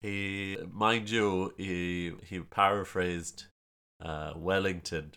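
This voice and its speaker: A man with a lilting, musical Kerry Irish accent, chatting and telling stories in a halting way, often repeating words. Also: sits low, fairly even intonation, pushed and bright. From County Kerry, Ireland. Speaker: storyteller, podcast guest. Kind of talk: casual chat, storytelling.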